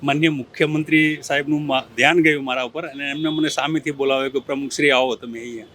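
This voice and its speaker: A middle-aged man answering interview questions as a district party president, earnest, formal and measured. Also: medium pitch, steady tone, fairly bright tone.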